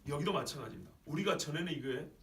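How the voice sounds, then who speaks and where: A pastor preaches a sermon in a church sanctuary, speaking emphatically and often posing questions to his congregation. His voice is fairly high, rapid-fire and a bit bright, captured by a distant mic with a roomy church sound.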